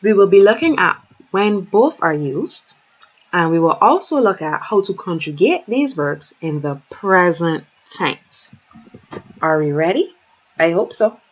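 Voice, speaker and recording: A woman teaching a French lesson online, speaking slowly and patiently and repeating words for learners. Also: on the low side, sing-song. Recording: slightly dull lo-fi recording.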